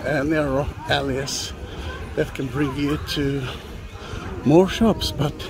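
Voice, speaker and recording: In a rough recording captured on a carried phone or camera, a middle-aged Israeli man guides viewers around an old train station's outdoor plaza for an unscripted walking-tour vlog. His slightly high voice stays fairly even and slow, and his speech is halting, packed with fillers and restarts.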